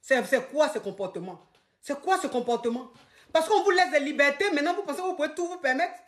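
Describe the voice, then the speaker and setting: A woman voicing a jealous, angry husband who demands his wife's phone and shouts indignant questions. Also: high-pitched, lively intonation, quick pace, roomy sound, pitched above the performer's own voice.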